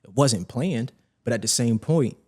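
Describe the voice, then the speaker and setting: Animated young man telling a story. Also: mid-range voice, unhurried, breathy edge. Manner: animated, acts out quoted voices. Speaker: podcast guest. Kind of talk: storytelling in casual interview.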